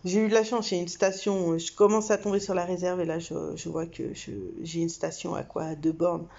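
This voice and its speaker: A young French woman vlogs a casual story to camera, her lowish voice fairly quick and marked by vocal fry. She's chatty, full of fillers and laughter, with animated swings, and the audio is dull.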